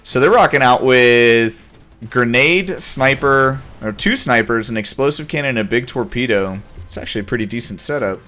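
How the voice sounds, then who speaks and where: In a bright, forceful mid-range voice at normal speed, a stream host keeps things upbeat. He's busy juggling players and commenting on the match, laughing now and then in casual gaming commentary.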